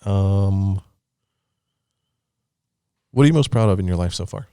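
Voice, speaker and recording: A man with a very low voice hosts a relaxed interview chat. He tells stories full of swearing and acts out the people he quotes. The sound is dry and close, with no room echo. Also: unhurried, clear, resonant tone. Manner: profane, storytelling, puts on voices for quotes. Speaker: podcast host.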